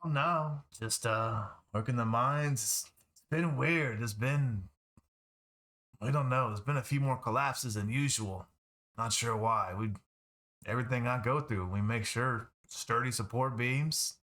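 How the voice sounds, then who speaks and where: A man voicing a gruff, gravel-voiced half-dwarf miner who answers bluntly and plainly. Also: mid-range voice, unhurried, fairly bright tone, voice pushed up, lightly acted. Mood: puzzled. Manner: blunt, matter-of-fact short answers.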